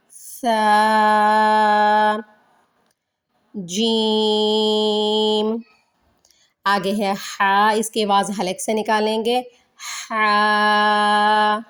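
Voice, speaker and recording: A woman teaching children the alphabet for Quran reading, stretching each letter sound slowly between short explanations. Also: medium pitch.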